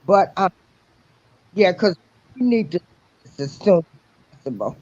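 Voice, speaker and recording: A woman calling in on a choppy, glitchy line that breaks up every other word, talking haltingly with many restarts. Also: on the low side, very animated, darkish tone, no room sound. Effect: choppy, glitchy call audio that breaks up every other word. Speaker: caller joining a livestream. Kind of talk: casual call chat. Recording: dull lo-fi call line from far off.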